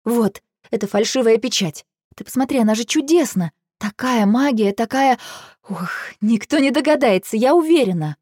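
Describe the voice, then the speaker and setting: A woman's voice: medium pitch, lively intonation, quick pace, a little mellow, no room sound, studio quality, natural voice. A woman voicing a spirited, impulsive young heroine in an audiobook, speaking in an emphatic, heated way. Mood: pleading. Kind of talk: audiobook character reading.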